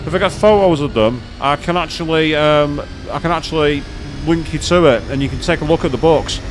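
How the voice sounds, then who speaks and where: Male streamer, casual rambling chat, voice on the higher side, light noise underneath. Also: brisk. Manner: chatty, rambling, with frequent fillers and restarts. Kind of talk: casual live-stream chat while gaming.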